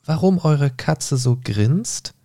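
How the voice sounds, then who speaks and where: A man's voice: on the high side, animated, takes it slowly, dark tone, no echo, clean studio sound, voice pushed up, heavily acted. A man voicing a polite, curious young girl who is easily indignant, in a raised, slightly prim voice.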